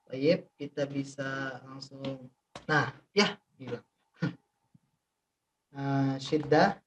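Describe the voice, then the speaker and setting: A man's voice: medium pitch, fairly even intonation, a little hiss or hum. Indonesian man, recitation teacher on a video call, patient and repetitive, lots of fillers. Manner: explains slowly with many fillers and repetitions. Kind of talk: online tajwid class.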